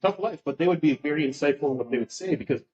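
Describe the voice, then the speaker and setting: A man's voice: a little high, animated, rapid-fire, a little mellow. Rambling male podcast host, dull lo-fi sound. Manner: rambling, full of fillers. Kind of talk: casual podcast conversation.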